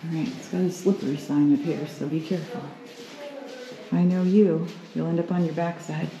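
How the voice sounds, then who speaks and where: A woman's voice: low-pitched, fairly even intonation, normal speed, lo-fi sound, crowd noise. A woman chatting and teasing as she walks through a cave on a vlog tour, her voice ringing with cave echo. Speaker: vlogger. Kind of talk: casual tour vlog chat. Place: inside an echoing cave. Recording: echoey cave with faint noise.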